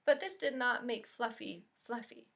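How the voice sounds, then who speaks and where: A woman with a somewhat high, creaky voice tells a picture-book story to young children at the library. She keeps it expressive and stops now and then to ask them questions.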